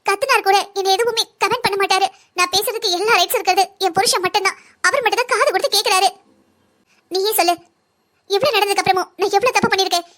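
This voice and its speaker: A young wife and mother from a cartoon drama, voiced by a woman who defends her husband. Her voice is very high, and she talks at a racing pace. She pleads with her family and pushes back at them by turns. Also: a bit bright. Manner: pleading yet defiant.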